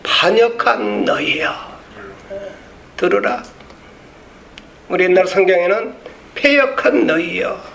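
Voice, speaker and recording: A man's voice: high-pitched, gravelly, a bit bright. A male pastor preaching an emphatic sermon and leading the congregation in reading aloud, in a church. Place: church sanctuary. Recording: echoey church room, faint background noise.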